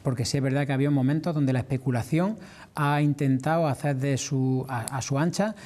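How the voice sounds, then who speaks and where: Male interviewee, Andalusian accent, farming spokesman. Mellow mid-pitched voice, measured and explanatory. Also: fairly even intonation. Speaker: farmers' organisation representative being interviewed. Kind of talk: formal broadcast interview answers.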